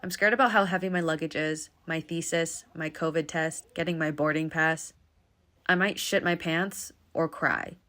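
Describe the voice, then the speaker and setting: A woman reading personal journal entries aloud in a quiet, subdued, confessional way. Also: low-pitched, fairly even intonation, normal speed.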